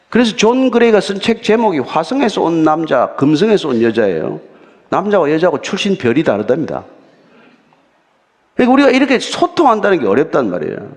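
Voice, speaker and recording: A man's voice: a little high, a little mellow. A male pastor preaching a sermon in a conversational way, asking the congregation rhetorical questions and acting out quotes. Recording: church hall reverb.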